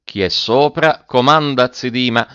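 A man's voice: mid-range voice, a little slow, sharp tone, clear, resonant tone, no room sound, highs cut off. A man voicing a resigned peasant farmhand who speaks with a sigh. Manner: sighing, resigned.

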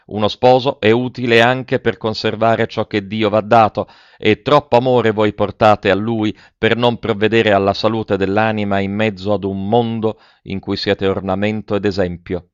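A man's voice: fairly low pitch, level tone, normal speed, few pauses, smooth, no echo, close to an everyday voice. A man voicing an earnest village priest in an audiobook reading, admonishing and persuasive. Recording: dry, dull lo-fi.

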